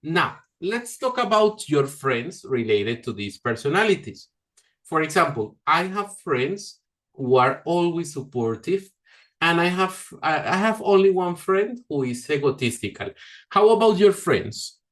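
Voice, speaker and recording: A male teacher leads an online English lesson over a video call. He is patient and encouraging, correcting pronunciation gently as he goes. His intonation is very lively, rising and falling freely through every sentence. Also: on the high side, a little slow.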